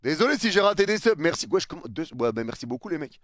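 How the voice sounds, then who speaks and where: A man's voice: a little high, big pitch swings, fast, no echo, studio quality. A young man streaming live, chatting casually in slang and thanking viewers for their subs. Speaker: streamer reacting to a video.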